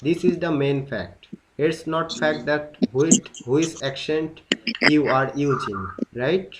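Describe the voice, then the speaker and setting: A man's voice: a little high, takes it slowly, very noisy. A man, a non-native English speaker, hosting a casual video-call chat and asking questions in simple, broken English. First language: not English. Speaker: host of speaking club. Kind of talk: casual online conversation.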